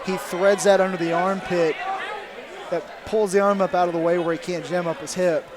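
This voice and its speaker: A man's voice: sits high, steady tone, normal speed. A man calling a live mixed martial arts bout as commentator in a casual, conversational style. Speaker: fight commentator. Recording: noisy arena with crowd. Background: crowd noise.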